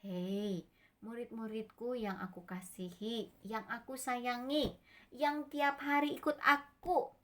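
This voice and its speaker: A calm, loving Jesus hushes the wind and gently chides his friends, as a woman storyteller plays him. Her voice stays fairly high and unhurried, soothing rather than stern. It is a figure in a children's Bible story. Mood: gentle reproach. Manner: soothing, hushing, gently reproachful. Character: calm, loving adult male Jesus hushing a storm.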